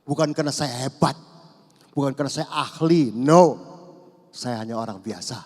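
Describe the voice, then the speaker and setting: Older pastor preaching in a reverberant church. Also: male voice, medium pitch, fairly quick. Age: over 50. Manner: conversational, mixes in Javanese words, swings between loud and hushed. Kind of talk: sermon. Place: large church hall. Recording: long church hall reverb.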